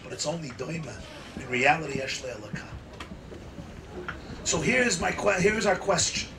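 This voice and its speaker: Impassioned, high-pitched male rabbi preaching. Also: expressive. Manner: emphatic, rhetorical repetition, dramatic pauses; Hebrew and Yiddish religious terms mixed into English. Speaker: rabbi giving a talk. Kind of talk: impassioned sermon to a gathering. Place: makeshift sukkah hall with seated gathering. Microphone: table microphone on a stand. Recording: roomy, distant mic, clear background noise. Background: noisy room ambience.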